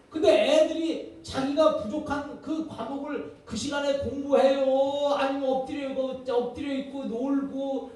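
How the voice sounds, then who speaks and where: A man's voice: extremely high pitch, a little mellow. A man giving a lecture on parenting, talking conversationally and quizzing his listeners with rhetorical questions. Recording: echoey hall from far off.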